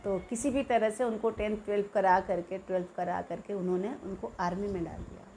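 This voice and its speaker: A middle-aged woman from Bihar, telling childhood memories in a lively, animated way. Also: medium pitch, fairly quick, a little hiss or hum. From Bihar, India. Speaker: storyteller. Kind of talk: personal childhood storytelling.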